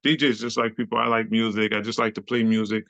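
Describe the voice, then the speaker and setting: A Haitian Creole-speaking man in his sixties, from Haiti and raised in Brooklyn, New York, is a club dancer appearing as a guest in a casual interview. He tells animated, slangy stories at a fast clip, laughing often, in a lowish, gravelly voice with fry. The lo-fi recording is dry and close, with no room sound.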